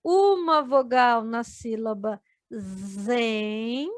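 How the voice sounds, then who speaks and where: Brazilian lady teacher going super slow over syllables, high voice, dry recording. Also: no room sound. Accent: Brazilian Portuguese. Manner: slow, syllable-by-syllable explaining to students. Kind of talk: adult education video lesson.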